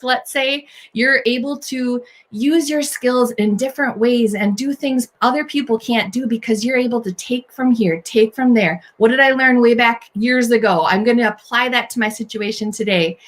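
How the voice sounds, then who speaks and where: A woman's voice: on the high side, a bit bright. A woman hosting a faith-based encouragement talk for women, speaking earnestly and straight to the listener as she reassures them. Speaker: host.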